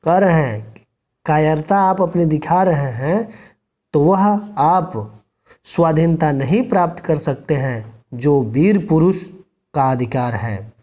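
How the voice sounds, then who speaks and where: Male teacher, classroom lesson, slow deliberate delivery, mellow tone, reads then explains, exhorts students. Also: fairly high pitch. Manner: reads a passage aloud, then explains it line by line, urging students. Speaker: school Hindi teacher.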